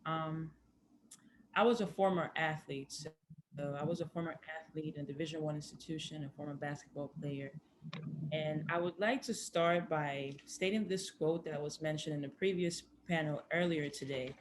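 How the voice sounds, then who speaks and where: A woman's voice: low-pitched, fairly even intonation, normal speed. Earnest young woman from greece on a panel, faint background hiss. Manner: earnest, personal testimony. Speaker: panelist, former college athlete. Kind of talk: conference panel remarks.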